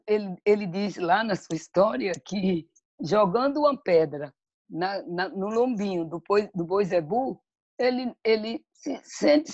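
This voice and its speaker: A woman's voice: mid-range voice, darkish tone, dull audio. A woman speaking at a church talk on motherhood, telling stories and reading scripture in a reflective way. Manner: reflective, storytelling, quotes scripture.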